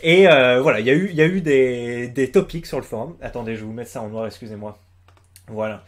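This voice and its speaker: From his room at home, door shut, a young man offers offhand commentary on a music video. His voice is mid-range and a little fast, and he hesitates often, using lots of fillers and starting sentences over.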